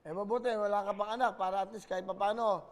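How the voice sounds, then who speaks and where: A male game show host speaks in a striking high register. He chats with a caller in a playful, teasing manner, firing off quick questions from the studio. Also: fairly even intonation, long reverb tail. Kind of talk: teasing phone chat with a caller.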